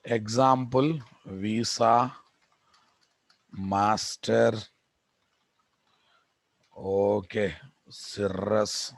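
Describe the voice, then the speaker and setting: A man's voice: lowish voice, fairly even intonation, drawn-out words, vocal fry, long pauses, no room sound, poor audio. Telugu-accented Indian man lecturing, dry close sound. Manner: repeats phrases, quizzes students with rhetorical questions. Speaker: programming instructor. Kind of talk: live technical lecture, explaining and dictating notes. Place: online class recording.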